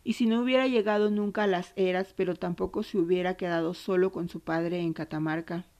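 A woman with an Argentine accent reading literary nonfiction in a measured, somber way. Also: on the low side, steady tone, darkish tone. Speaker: narrator.

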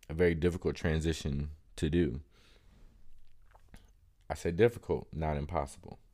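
A man's voice: sits low, a little mellow. A man talking straight to camera in a casual, reflective vlog, thinking aloud with many ums and restarts. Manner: thoughtful, rambling with fillers and restarts. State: has hiccups. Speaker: vlogger.

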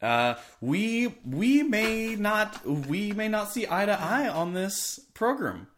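A man's voice: high voice, big pitch swings, slow, fairly bright tone, slight background noise. A man co-hosting a podcast, chatting casually about a TV episode, amused, laughing often and making playful asides. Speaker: podcast co-host.

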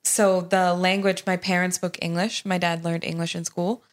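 A young Swedish woman appears as a podcast guest and shares her family story in a relaxed, casual manner, often saying um and uh. Her voice sits fairly low and she speaks at a moderate pace.

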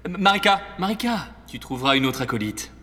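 Comedy audio hero: casual, bickering, defensive, animated mid-pitched voice in an echoing hall. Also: male voice, fairly quick, slight background noise. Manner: bantering, defensive. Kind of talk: comedy audio drama acting.

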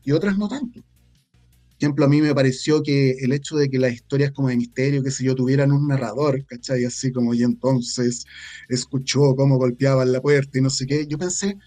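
A man with a Chilean Spanish accent speaks at medium pitch and a moderate pace, his tone steady and mellow, with soft music in the background. He's an interview guest who creates and writes audio dramas, talking casually and reflectively and peppering his speech with colloquial slang.

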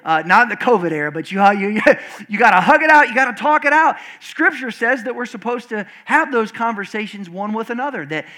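Before his congregation at a church service, a pastor delivers a lively call-and-response sermon in a loud, screechy voice. He swings between big high outbursts and low, quiet stretches, restarting often, and talks a little fast with hardly any pauses.

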